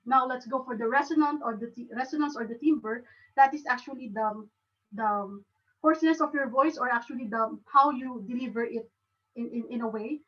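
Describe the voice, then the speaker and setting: A woman with a Filipino accent giving a club talk on speaking, halting and restarting often. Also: fairly high pitch, recorded from a distance, lo-fi sound. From Philippines. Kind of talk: educational talk.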